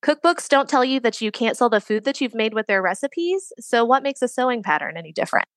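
A woman from Arkansas speaks as a listener with a prepared question. Her voice sits somewhat high with lively movement, and the recording has little room sound. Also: a little fast, no echo, clean studio sound. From Arkansas, United States.

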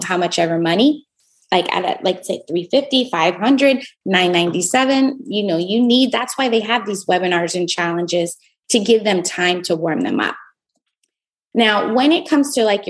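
A young adult woman teaching online marketing in a casual, conversational way, often checking in with the listener. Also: mid-range voice. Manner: conversational, talks straight to the listener with frequent "right?".

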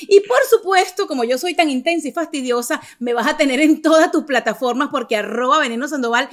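A playful woman in her forties hosts her podcast in a high, bright voice, teasing her guest and breaking into laughter. Her talk is casual and lively. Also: a little fast. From Venezuela. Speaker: podcast host. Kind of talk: casual chat.

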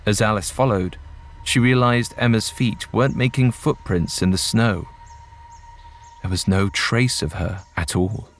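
A man narrating a ghost story in a measured, suspenseful storytelling manner. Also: on the low side, a little hiss or hum. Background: faint music.

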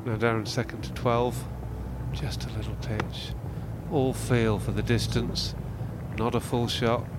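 A man's voice: mid-range voice, flat delivery, a little slow. A man commentating live on golf as a broadcast commentator. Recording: loud outdoor background noise. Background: noisy outdoor ambience.

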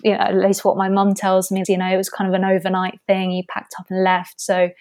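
A woman's voice: mid-range voice, completely flat delivery, fairly quick, a little mellow, dry recording. A woman from Spain, a guest telling stories about her childhood in an open, reflective way with light laughter. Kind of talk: reflective casual storytelling.

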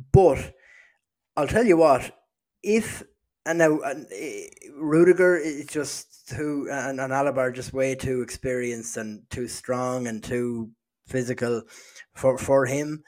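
A man chatting on a football podcast in a loose, conversational way. His pitch sits in an ordinary middle range, and he often trips over his words, repeating them and starting phrases again as he thinks aloud. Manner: halting, many restarts and repeated words. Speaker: podcast co-host. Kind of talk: casual football podcast chat.

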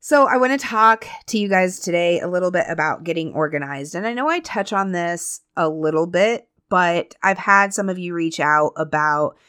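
A woman's voice: fairly low pitch, moderate pace, few pauses, fairly bright tone, clear, resonant tone. Upbeat chatty woman podcast host. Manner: upbeat, chatty, emotional at times. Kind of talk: casual podcast talk.

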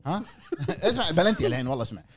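A man, a podcast co-host, protesting insistently in a quick casual chat. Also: a little high, very animated, a crowd in the background.

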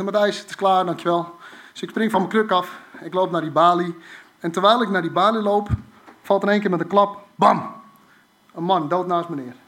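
High-voiced man telling a story. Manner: animated, halting, many fillers and restarts. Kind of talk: casual spoken anecdote.

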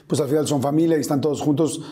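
A man with a Mexican accent hosts the interview. His voice is a bit high but mellow and dark in tone, and he asks long, wandering questions padded with fillers. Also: fairly even intonation, rapid-fire. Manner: rambling, filler-heavy questions. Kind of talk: conversational interview.

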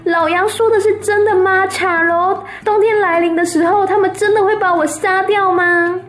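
Storybook voice: a woman doing a whiny, terrified young boy pig, shrill and high, faint music behind. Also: normal speed, fairly bright tone. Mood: panicked. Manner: shrill wailing pleas. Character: frightened young male pig, panicky and whiny.

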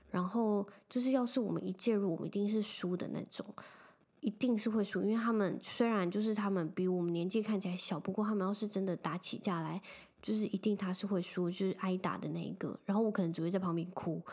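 A woman's voice: mid-range voice, a little fast. A young woman from Taiwan hosting a casual chat show, telling personal stories in a chatty way, full of filler phrases. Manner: chatty, heavy use of filler phrases, animated when retelling. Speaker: podcast host.

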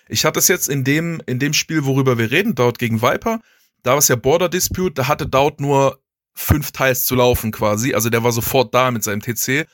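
A man's voice: medium pitch, a bit bright, no echo, studio quality. Chatty man explaining game tactics. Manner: thinks aloud with restarts, chuckles at own ideas. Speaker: guest strategy player. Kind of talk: casual strategy discussion.

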